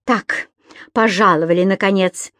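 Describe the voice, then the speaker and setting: A woman voicing a stern middle-aged landlady who scolds with shrill outbursts. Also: fairly even intonation, unhurried, a bit bright, no room sound, clean studio sound, natural voice. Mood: furious.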